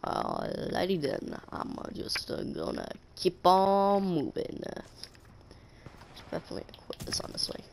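A man's voice: high voice, wildly swooping pitch, measured pace, vocal fry, slight background noise. A young man with a stuffy nose giving casual, sarcastic commentary while playing a game, joking and talking to enemies. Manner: sarcastic, jokey, talks to enemies. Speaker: gameplay commentator. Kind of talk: casual let's-play commentary.

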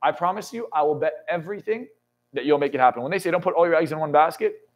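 Fast-talking and on the high side, a man in his twenties who coaches and speaks motivationally gives an intense podcast interview in a studio lounge set. He swears often and pushes up to excited peaks, though the recording is muffled.

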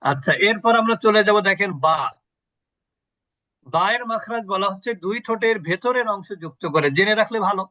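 A man's voice: sits high, fairly quick, bright, forceful tone, no room sound, muffled recording. A man teaching an online Quran recitation class on a video call, patiently quizzing his students and repeating sounds for them.

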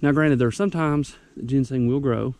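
A man's voice: medium pitch, moderate pace, a little mellow, dry recording. A young man, out of breath, giving folksy, rambling how-to tips outdoors on a wooded mountainside. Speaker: ginseng hunter vlogger. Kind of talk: casual outdoor how-to vlog.

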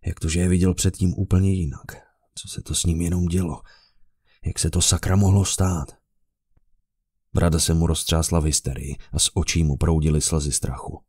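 A man's voice: little pitch movement, breathy edge, no room sound, studio quality. A man narrating a fantasy audiobook, voicing the characters himself. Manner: shifts into loud high shouting for characters.

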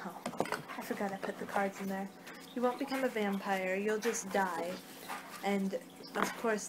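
A young adult woman with a mid-range voice performs an ASMR fortune-teller role-play. It's a noisy, amateur webcam-style recording made indoors in a small room at home.

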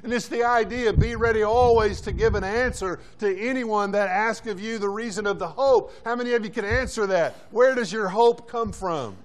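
High-voiced man preaching a sermon. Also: normal speed, hardly any pauses. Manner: exhorting, repeats short commands, asks the congregation questions. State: out of breath. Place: church sanctuary.

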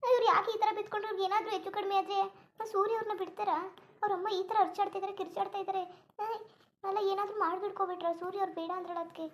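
A woman's voice: very high voice, level tone, very fast. Woman voicing a fretful young wife. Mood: worried. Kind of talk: cartoon voice acting.

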